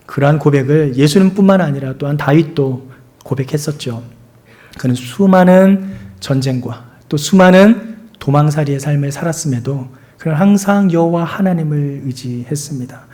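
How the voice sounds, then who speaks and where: Expressive Korean male pastor preaching. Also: a little high. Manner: earnest, expressive preaching, leads the congregation. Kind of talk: sermon.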